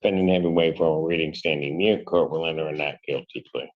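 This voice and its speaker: A man's voice: extremely low pitch, fairly even intonation, fast talker, lo-fi sound. A man speaking as a judge in a courtroom recording, handling cases with formal rulings and informal asides. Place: courtroom with video link.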